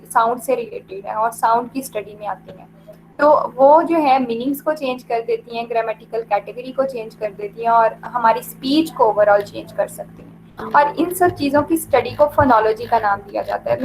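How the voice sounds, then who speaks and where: A woman teaching an online lecture, explaining slowly with many fillers and mixing English terms into her Hindi. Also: a little high, slight background noise, low-quality recording.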